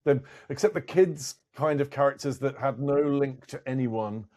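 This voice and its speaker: A man's voice: mid-range voice, normal speed, darkish tone. A man talking casually about a film, exasperated and conversational, laughing often. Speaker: guest film reviewer. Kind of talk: casual film review chat.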